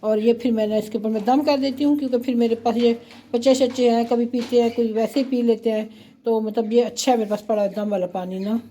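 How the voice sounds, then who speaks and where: A woman's voice: fairly high pitch, fairly even intonation, fast talker, warm tone, slight background noise. A middle-aged woman chatting through a casual home vlog in her kitchen, her voice a little heavy from a sore throat. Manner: chatty, homely, with frequent religious phrases. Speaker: cooking and home vlogger.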